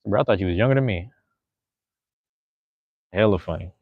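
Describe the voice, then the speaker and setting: A man in his thirties, a guest on a podcast, chats casually, rambling, using slang and swearing freely. His voice sits low and moves at a normal speed, with a dry, phone-quality recording.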